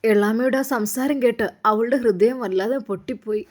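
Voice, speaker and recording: A woman's voice: on the high side, moderate pace, darkish tone. A woman with a Malabar Malayalam accent narrating a family story in a dramatic, emphatic way.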